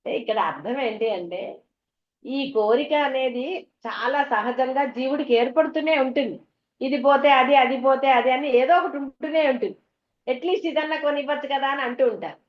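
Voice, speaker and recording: Woman, spiritual teacher, conversational discourse, homely anecdotes, high voice, muffled echoey hall. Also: moderate pace. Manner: conversational, tells homely anecdotes, asks the audience questions. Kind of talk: devotional discourse to an audience. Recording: dull, echoey hall recording.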